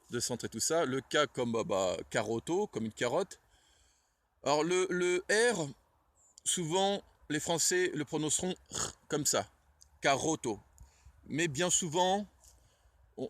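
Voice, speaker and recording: A man's voice: on the high side, fairly bright tone, no room sound. Hesitant French-speaking man giving a lesson. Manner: hesitant, many fillers and self-corrections. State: shivering from the cold. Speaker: Esperanto enthusiast presenting the alphabet. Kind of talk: casual spoken lesson. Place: outdoors in the cold.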